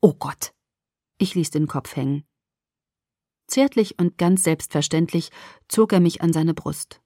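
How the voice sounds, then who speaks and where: A woman narrating a novel in the first person, measured and clear. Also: fairly low pitch, warm tone, dry recording, studio quality. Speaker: audiobook narrator. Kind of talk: scripted narration.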